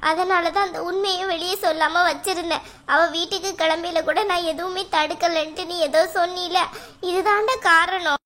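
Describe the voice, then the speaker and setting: A worried middle-aged mother from a cartoon, voiced by a woman. Her voice is very high and bright, almost squeaky. She talks in a fretful, pleading way. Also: steady tone, moderate pace. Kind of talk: cartoon voice acting.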